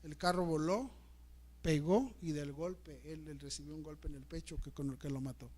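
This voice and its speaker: A man's voice: on the high side, moderate pace. A middle-aged male pastor, preaching a story-driven sermon with emotional, repetitive delivery. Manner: emotional, repeats words, dramatic swings in loudness.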